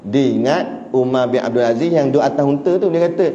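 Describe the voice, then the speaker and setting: A man giving a religious lecture, telling stories in an animated way and chuckling between points. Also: medium pitch, quick pace. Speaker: religious teacher. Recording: echoey hall, dull lo-fi sound, faint hiss.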